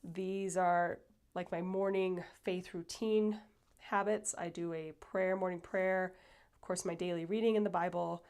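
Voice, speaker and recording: Casting: woman vlogger, slightly low voice, stuffy and breathy, rambling casual chat. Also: steady tone, measured pace, darkish tone. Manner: chatty, rambling, lots of fillers. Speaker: planner channel host. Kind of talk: casual planner flip-through.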